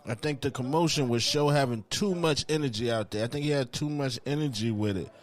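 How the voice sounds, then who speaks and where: A man hosts a casual event recap, chatting informally in street slang and rambling as he retells what happened. His mid-range voice moves briskly, with crowd noise in the background. He acts as host and event commentator.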